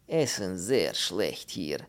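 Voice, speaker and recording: Man doing a slow Polish émigré in broken German. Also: sits low, big pitch swings, voice pushed down, full character voice. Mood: stubborn. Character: impoverished Polish male émigré, bearded, smug.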